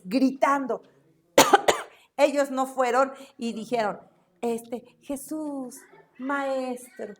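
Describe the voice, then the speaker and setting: A woman teaching a church Bible class in a lively way, asking the class questions and acting out quotes. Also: high voice. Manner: animated, asks the class questions, acts out quotes.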